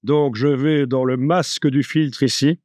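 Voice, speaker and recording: Male software instructor, casual and jokey, thinks out loud, mid-range voice, dry close sound. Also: mid-range voice, fairly even intonation, unhurried, no echo. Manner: chatty, jokey, thinks aloud. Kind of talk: live software tutorial.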